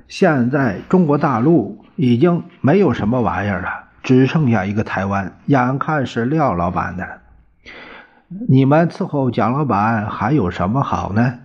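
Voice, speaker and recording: A man's voice: mid-range voice, lively intonation, unhurried, a little mellow, husky, pitched above the performer's own voice. A man voicing a scheming middle-aged male collaborator, mocking and needling, on a dull lo-fi recording. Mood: sneering.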